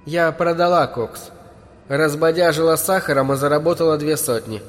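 A man's voice: on the high side, moderate pace, in a large hall, soft background music, natural voice. A man reading the lines of a drowned dead young woman with a gurgling voice in an audiobook. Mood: warning.

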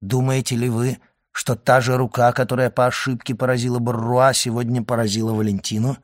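A man voicing a grave doctor who questions an old man in a low, hushed and urgent voice. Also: little pitch movement, a little fast, no room sound, studio quality, close to an everyday voice. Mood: hushed probing.

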